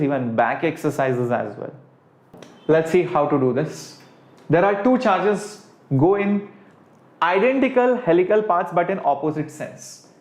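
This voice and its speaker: A man's voice: a little high, a little mellow. A man with an Indian accent teaching a live online physics lesson informally, working step by step and asking rhetorical questions. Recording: echoey room sound.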